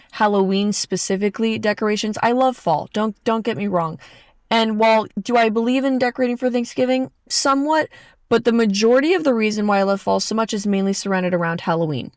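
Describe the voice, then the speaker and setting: Young woman, solo podcast host, casual and animated, close mic, dry sound. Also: medium pitch, no echo. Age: young adult. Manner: chatty and animated, with asides and self-corrections.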